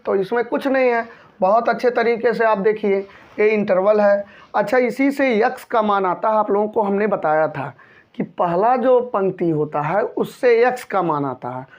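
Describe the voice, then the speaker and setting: A man teaching a maths lesson, patiently going over each step and often checking in with his students. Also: sits high. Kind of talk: maths lesson explaining a textbook problem. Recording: dull lo-fi recording.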